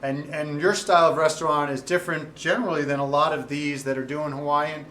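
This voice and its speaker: A man's voice: a little high, steady tone, fairly quick, a bit bright, echoey room, slight background noise. A man hosting a studio food segment, upbeat and enthusiastic, with an easy joking manner. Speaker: TV host.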